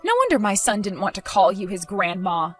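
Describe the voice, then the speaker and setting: A woman's voice: medium pitch, sing-song, a little fast, faint music behind. A woman voicing a protective young mother in a dramatized story, accusing and sarcastic.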